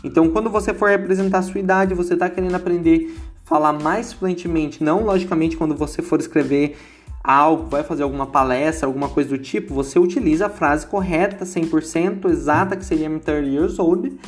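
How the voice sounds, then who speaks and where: A man's voice: on the high side, fairly even intonation, brisk, faint music behind. Chatty Brazilian man teaching English. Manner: chatty, repeats words to demonstrate pronunciation, asks "entendeu?". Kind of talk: casual online lesson.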